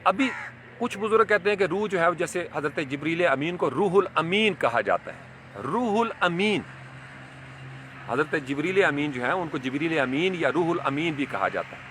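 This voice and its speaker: A man's voice: on the high side, sharp tone, slight background noise. A man giving a reflective religious lecture, explaining Quranic verses and mixing in English terms. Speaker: Islamic scholar.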